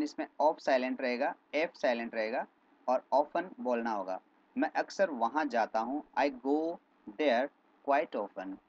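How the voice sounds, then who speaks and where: A man teaching spoken English in Hindi, explaining phrases and slowly repeating example sentences. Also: medium pitch, a little mellow, dull audio.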